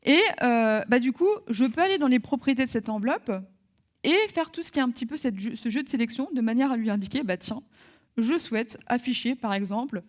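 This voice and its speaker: A woman giving a live software training webinar, talking through steps with many fillers and restarts. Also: a little high, fairly quick.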